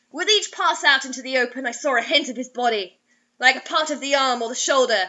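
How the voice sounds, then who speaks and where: A young adult co-host reads a story aloud in a high, bright voice, theatrical and sarcastic, slipping into mocking commentary. The audio is dull and lo-fi, like a webcam in a small room.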